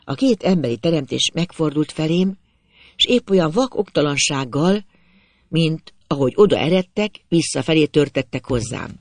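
A male narrator reads a literary story aloud in a measured, expressive way, his fairly high voice carrying a gravelly texture. The recording is dry and close, with almost no room sound. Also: dry recording.

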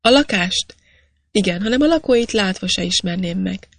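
Shy young mine girl played by the audiobook reader; halting and unsure, gravelly texture, dry recording. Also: mid-range voice, animated, dry recording. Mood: tremulous. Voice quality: hesitant, halting.

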